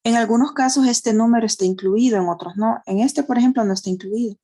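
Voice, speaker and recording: A woman's voice: fairly high pitch, quick pace, mellow. A woman with a Honduran Spanish accent teaching a math class online, explaining step by step and checking in with tag questions. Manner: uses diminutives.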